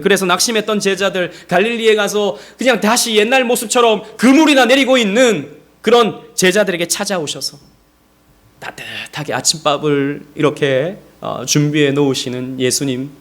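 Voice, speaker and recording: A man preaching a Sunday sermon as pastor, telling stories with lively animation. He speaks directly to his congregation in a voice that sits a little high for a man. He acts out the speech of the people in his stories. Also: moderate pace. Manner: animated storytelling, acting out quoted speech.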